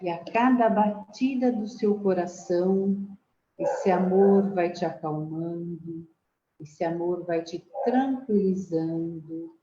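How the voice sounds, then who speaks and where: Very slow, soothing woman guiding meditation. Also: lowish voice. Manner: slow, soothing, calm instructions. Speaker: meditation guide. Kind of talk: guided relaxation and prayer. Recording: roomy, slightly dull audio with faint noise.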